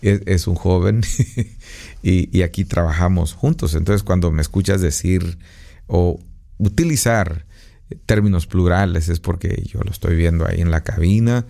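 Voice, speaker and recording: A man in his fifties preaching a radio devotional from a recording booth, earnest and pastoral, unhurried with pauses. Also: deep voice, gravelly, mellow. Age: 50s. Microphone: studio microphone.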